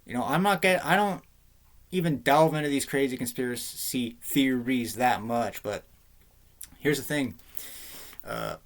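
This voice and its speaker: Guy, mid-pitch, loose heated ranting vlog delivery, lots of dude and man. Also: unhurried, pauses often. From Canada. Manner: rambling, heated, slangy, keeps saying "man" and "dude". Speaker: vlogger. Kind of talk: casual rant to camera.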